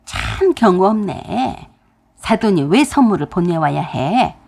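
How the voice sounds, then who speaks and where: A woman voicing a blunt older father-in-law who speaks gruffly and slowly in a husky tone. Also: medium pitch, sing-song, a little mellow, full character voice. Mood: angry.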